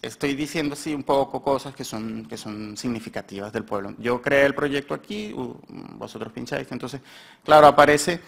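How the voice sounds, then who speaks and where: This conference talk comes from a man with a Spain Spanish accent presenting research in a university seminar room. His voice is mid-range, gravelly and a bit bright at a moderate pace, and he wanders, hesitating and fixing his own words.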